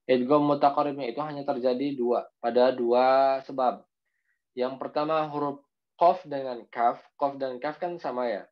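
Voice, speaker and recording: A male recitation teacher talks through a lesson over a video call, his voice a little muffled. He stretches out recited words slowly and often checks in with his class. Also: medium pitch, fairly even intonation.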